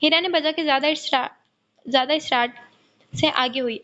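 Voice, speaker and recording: A woman narrating an audio novel, telling the story at a steady pace. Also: high voice, normal speed, lo-fi sound.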